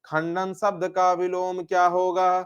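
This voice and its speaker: In a muffled recording, a man speaks slowly with a high-pitched, clean voice and completely flat delivery. Teaching Hindi grammar through exam questions, he repeats answers, poses "क्या?" and answers it himself, and calls his students fond nicknames.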